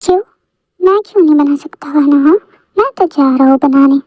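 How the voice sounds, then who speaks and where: A woman's voice: high-pitched, a little fast, no room sound, close to an everyday voice. A woman voicing a teasing mafia boss husband. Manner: playful, flirty, boastful. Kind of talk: fan audio story. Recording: dull lo-fi dry recording.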